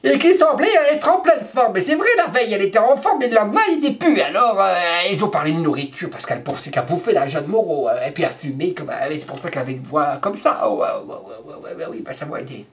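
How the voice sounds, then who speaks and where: A man's voice: high-pitched, big pitch swings, fast, few pauses, a little hiss or hum. A man rambling through a gossip monologue as a vlogger, repetitive and chuckling. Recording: dull lo-fi recording.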